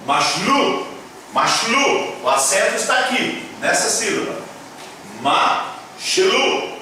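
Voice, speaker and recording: Standing at a board, a Hebrew teacher speaks slowly in a fairly high, sharp voice with wide pitch swings, repeating key words deliberately. He encourages his audience as "minha gente" and keeps asking "tá?" and "certo?" to make sure they follow. He sounds distant from the mic, in a very echoey room with faint background noise.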